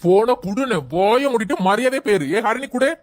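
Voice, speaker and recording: A woman's voice: a little high, normal speed, natural voice. A woman voicing a strict, commanding middle-aged father in a family skit. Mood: stern. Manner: commanding, stern.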